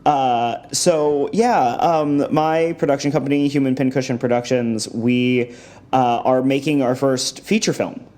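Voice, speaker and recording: A man in casual podcast chat as a guest. His voice has a middling pitch, and he keeps things playful and laughs easily, often hesitating with fillers. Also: fairly even intonation, a little slow, darkish tone.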